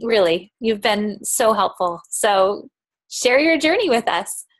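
A woman's voice: medium pitch, expressive, takes it slowly, dry recording. A woman hosting a casual group call, introducing a guest in a grateful, encouraging way.

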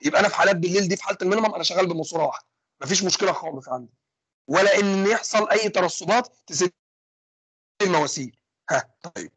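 A young man with an Egyptian accent teaching an engineering class online. He talks fast and keeps asking questions and then answering them himself. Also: high-pitched, a bit bright, breathy edge, dry recording. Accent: Egyptian Arabic. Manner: fast, asks and answers his own questions. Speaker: engineering lecturer. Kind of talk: online lecture with student questions.

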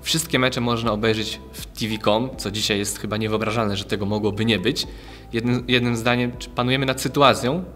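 A young man interviewing, asking steady, formal prepared questions at a desk mic in a small studio. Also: fairly low pitch, fairly quick, soft background music. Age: young adult. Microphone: desk mic on boom arm.

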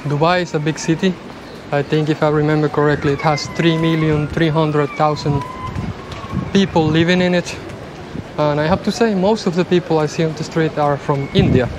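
A chatty man in his thirties from Argentina vlogs to a handheld camera, cracking jokes as he walks. His voice is a touch higher than most men's. Clear traffic and street noise surround him. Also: steady tone, moderate pace. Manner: chatty, joking, talks to camera. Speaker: vlogger. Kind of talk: casual vlog chat. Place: busy city street and shop.

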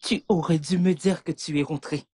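Mom scolding her grown son, husky low voice. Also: fairly even intonation, normal speed, mellow. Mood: reproachful. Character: reproachful mother of a grown son. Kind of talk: French dub of a film.

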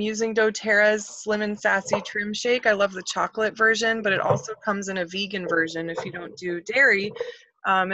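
A woman in her forties hosts a casual, enthusiastic video call from her home kitchen at night, with plenty of ums. Her voice is medium-pitched with a sharp tone. The webcam audio is muffled, with no room sound.

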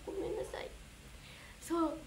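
A woman's voice: moderate pace, a little mellow, a little hiss or hum. A young woman with a Kansai accent, chatting casually on a livestream as an idol, reading fan comments in a bubbly, giggly, easily flustered way. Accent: Kansai Japanese. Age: young adult.

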